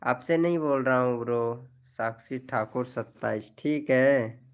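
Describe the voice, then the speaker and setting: A man chatting casually with viewers on a live stream, slowly reading out their names and IDs. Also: medium pitch, clean tone.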